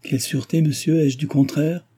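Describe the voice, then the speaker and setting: A man's voice: fairly high pitch, steady tone, fairly quick, warm tone, husky, voice pushed up. A man voicing a proud young woman who answers with firm indignation and reproach. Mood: reproachful.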